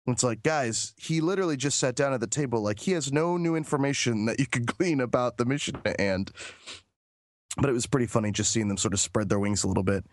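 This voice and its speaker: A man co-hosting a podcast, chatting casually and telling animated anecdotes. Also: mid-range voice, fast talker, dry recording. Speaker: podcast co-host. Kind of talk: casual chat.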